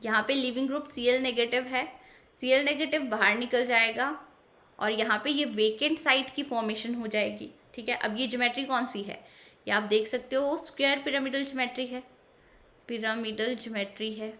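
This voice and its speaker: Woman chemistry teacher, bright clear tone, slightly high voice, patient explainer, mix. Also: steady tone, moderate pace. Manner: patient, repeats key points, asks and answers own questions. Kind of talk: explanatory online lecture.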